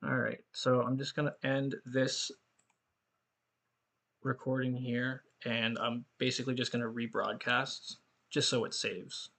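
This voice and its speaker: A man's voice: medium pitch, level tone, measured pace, vocal fry, a bit bright. A man chatting in an easygoing way as a podcast co-host, with lots of fillers. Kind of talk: casual chat about a card game.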